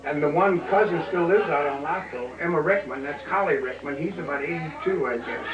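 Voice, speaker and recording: Older man, interviewee, halting family recollections, far from a dull mic. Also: on the high side. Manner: rambling, unsure, with restarts. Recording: echoey room, distant muffled mic, chatter behind.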